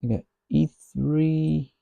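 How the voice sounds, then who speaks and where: Slow, gravelly man musing to himself. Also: a little high, fairly even intonation, warm tone, no room sound. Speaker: software developer. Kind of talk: thinking aloud while coding.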